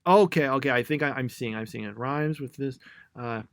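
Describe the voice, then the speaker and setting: A man's voice: medium pitch, normal speed, clear, resonant tone, no echo. Rambling man on a dry podcast mic. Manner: rambling, self-doubting, thinks aloud with fillers. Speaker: podcast co-host. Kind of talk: casual podcast chat.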